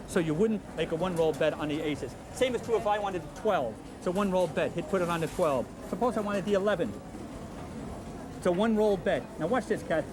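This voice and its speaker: A man with a high voice explains craps odds step by step on an old instructional tape. The sound comes from a worn VHS copy. Music plays clearly underneath him. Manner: drills odds patiently, checks in with "okay?". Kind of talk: instructional video teaching.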